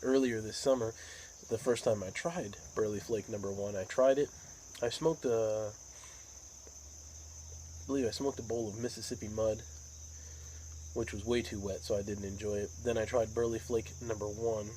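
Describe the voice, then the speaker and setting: American male hobby vlogger, lowish voice, unhurried rambling chat, crickets and outdoor noise behind. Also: fairly even intonation, warm tone, poor audio. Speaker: pipe tobacco vlogger. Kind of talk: casual rambling monologue.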